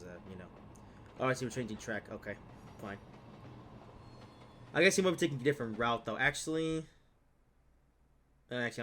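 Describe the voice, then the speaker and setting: With a little hiss or hum in the recording, a young man with a medium-pitched voice, slightly stuffed up from a cold, hosts a gaming video. He comments casually on his gameplay, full of fillers and trailing asides.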